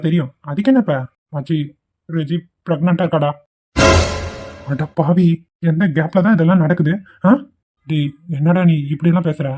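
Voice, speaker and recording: A man's voice: a little high, dark tone, close to an everyday voice. A man voicing young male college buddies in a homemade cartoon, trading scolding banter. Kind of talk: amateur cartoon voice acting.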